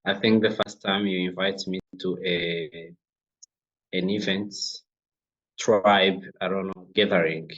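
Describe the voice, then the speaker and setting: Young congolese guy, really low voice, lots of uhs and restarts, muffled audio. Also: fairly even intonation, a bit bright. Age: young adult. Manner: halting, many fillers and restarts. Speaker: guest, refugee-led organization founder. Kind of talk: interview conversation.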